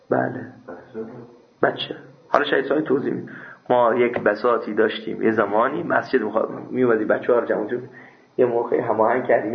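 A man teaching a seminary class. He reads classical quotes slowly, then explains them in a lively, chatty way with jokes. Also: medium pitch, creaky. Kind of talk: classroom lecture on a religious law text. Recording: roomy, dull lo-fi recording.

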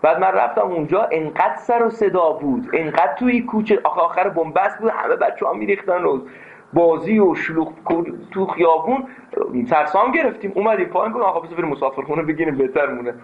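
A man's voice: high voice, vocal fry. A man teaching a philosophy class, speaking emphatically and breaking into anecdotes. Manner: emphatic, animated, tells anecdotes. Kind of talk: classroom lecture. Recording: tinny phone-like sound.

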